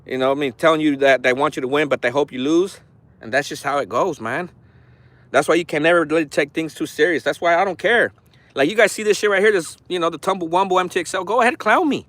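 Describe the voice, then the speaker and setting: Here the forties-aged RC vlogger sounds on the high side, fast and fairly bright, with no room sound at all. Livestreaming from his phone near an orchard, he chats in a rambling, frank way, cursing freely and talking tough.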